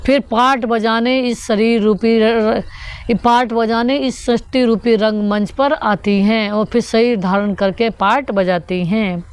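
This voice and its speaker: A woman's voice: fairly high pitch, steady tone, takes it slowly, smooth. A woman giving a devotional sermon that explains the daily spiritual teaching, repeating each point and putting rhetorical questions to her listeners.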